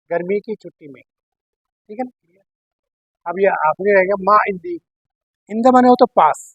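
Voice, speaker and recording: A man teaches Arabic grammar, walking through each word patiently and often pausing to check that his students understand. His voice sits fairly high and has a husky edge. The sound is dry and close, with no room echo. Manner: explains step by step, checks understanding with "theek hai na". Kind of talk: classroom lesson explaining Arabic in Urdu.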